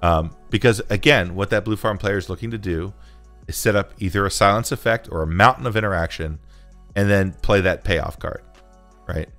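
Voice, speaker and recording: A man in his thirties, a podcast co-host on a video call from home, explaining strategy in a measured way and swearing casually. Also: on the low side, fairly bright tone, soft background music. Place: home room.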